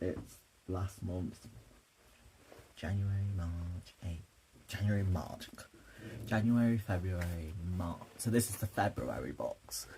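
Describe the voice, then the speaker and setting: A man's voice: on the low side, mellow, a little hiss or hum, rough recording. A young man, a drag performer, chatting to camera in a rambling, sleepy, self-interrupting way about makeup. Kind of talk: casual chat to camera. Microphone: camera mic.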